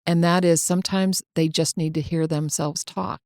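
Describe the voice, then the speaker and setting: A woman's voice: lowish voice, steady tone, moderate pace, a little mellow, no echo, clean studio sound. A woman co-hosting a casual teaching podcast, prompting her partner and sharing her own stories. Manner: encouraging, prompts stories, laughs easily. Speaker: co-host. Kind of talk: conversational podcast discussion.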